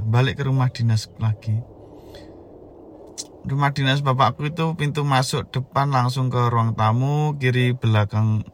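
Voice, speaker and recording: A man in his thirties with a Javanese accent and a medium-pitched voice tells a childhood horror story in a casual, joking way, animated and swinging between hushed and loud. A slight hiss or hum is audible.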